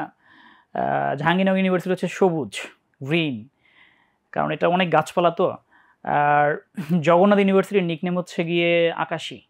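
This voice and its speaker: A teacher with a Bangladeshi Bengali accent giving a live online English lesson for university admission tests, often checking in and asking students questions. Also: mid-range voice. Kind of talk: live online class lecture.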